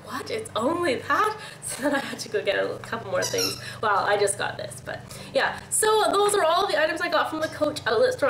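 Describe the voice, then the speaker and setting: A woman's voice: sits high, a bit bright, echoey room, slight background noise, low-quality recording. A young woman with a nasal, congested voice chatting casually through a shopping haul, rambling with lots of fillers. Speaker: haul vlogger. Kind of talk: casual product haul chat.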